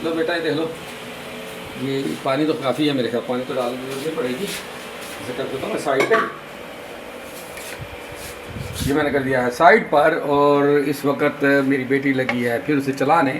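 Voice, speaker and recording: Hoarse with fever and a sore throat, a man vlogs a casual cooking video in his home kitchen, chatting to viewers as if they were his brothers. His mid-range voice moves at a moderate pace with long pauses, and the home video is noisy.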